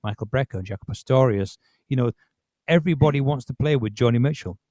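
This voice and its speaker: A man's voice: medium pitch, fast, darkish tone, dry recording, studio quality. A man hosting a podcast, talking casually about music with many restarts. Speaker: podcast host.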